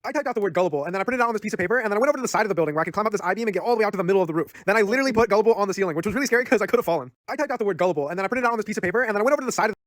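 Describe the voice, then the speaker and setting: A man with a high voice rattles off a story in long run-on sentences. The sound is dry and close. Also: lively intonation, rapid-fire, hardly any pauses, fairly bright tone, no room sound. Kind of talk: storytelling anecdote.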